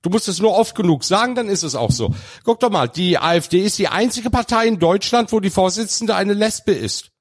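A man's voice: high-pitched, expressive, brisk, breathy edge. A man speaking as a guest in a casual podcast debate, blunt and coarse, with strong emphasis.

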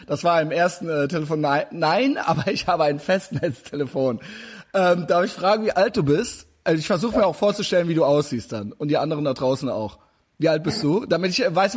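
Over a video call, a man in his forties chats casually with a guest he's interviewing, wandering off track, restarting sentences and using lots of fillers. His voice is on the high side and a bit rough.

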